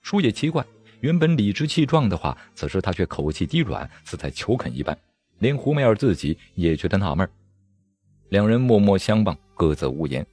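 A man narrating a martial-arts novel aloud in a dramatic, expressive storytelling manner. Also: on the low side, a little fast, breathy edge, faint music behind. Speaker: audiobook narrator. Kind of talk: storybook reading of a wuxia novel.

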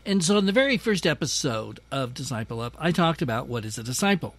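Guy hosting his own podcast, talks easy and loose, pokes fun at himself, mid pitch. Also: big pitch swings, fast talker. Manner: chatty, self-deprecating, dry sarcasm. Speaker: podcast host. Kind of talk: casual podcast monologue.

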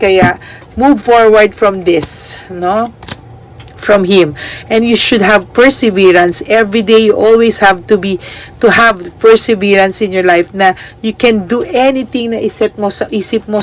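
A woman giving a tarot reading, gentle and reassuring, mixing Tagalog and English and checking in with "no?". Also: medium pitch, steady tone, normal speed, a little hiss or hum. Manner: gentle, reassuring, ends phrases with "no?"; mixes Tagalog and English, polite "po". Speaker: tarot reader.

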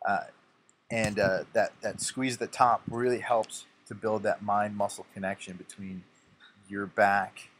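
A man's voice: fairly low pitch, little pitch movement, a little slow, fairly bright tone, slight background noise. A young man casually narrating his own workout, giving instructive tips with a self-mocking streak.

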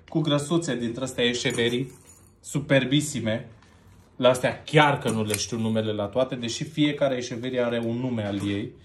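A Romanian man in his thirties, with a mid-range voice, hosts a playful mock cooking show about arranging plants, laughing often and stretching out gushing words as he works with his hands. He's filmed by a camera a few feet away in an echoey room at home with plant wallpaper, and there's slight background noise.

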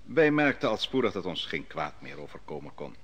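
This is 1950s Dutch radio drama acting: a man plays a prophet narrating his past as an exile, solemnly describing growing up at a foreign king's court. He uses a low, sing-song, slightly bright and exaggerated voice in measured, solemn storytelling, and the audio sounds dull.

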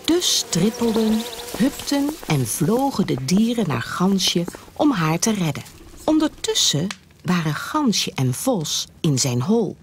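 Slow expressive woman reading a storybook. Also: medium pitch, faint music behind.

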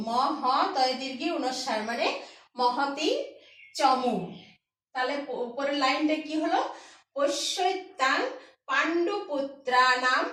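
A woman's voice: high voice, a bit bright. A woman teaching recitation of a sacred verse, spelling out pronunciation patiently syllable by syllable and chanting the lines. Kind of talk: slow recitation lesson with chanting. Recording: echoey room, voice far from the mic.

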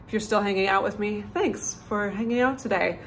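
A woman's voice: medium pitch, a little fast, fairly bright tone, rough recording. Upbeat chatty woman vlogging at home. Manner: chatty, upbeat, frequent "like" fillers. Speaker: lifestyle vlogger. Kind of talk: casual vlog chat. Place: home kitchen and outdoor porch.

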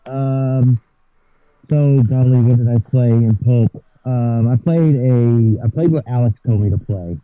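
A man guest in a casual podcast chat, heard through muffled, degraded remote call audio, speaking hesitantly and filling pauses as he thinks aloud. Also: mid-range voice, dry recording.

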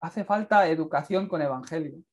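A young man with a Castilian Spanish accent preaches an earnest, fervent sermon and closing prayer to a camera indoors, in front of a plain light wall. His somewhat high, slightly mellow voice moves at a moderate pace and builds to emphatic peaks.

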